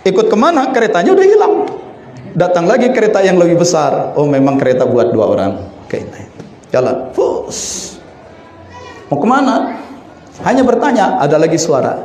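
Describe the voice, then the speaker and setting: Animated preacher man, echoey room. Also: fairly quick, slight background noise. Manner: vivid storytelling with sudden high excited bursts; calls himself the one telling a sick man's story. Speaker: Sufi preacher. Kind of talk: sermon storytelling. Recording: echoey room with faint ambience.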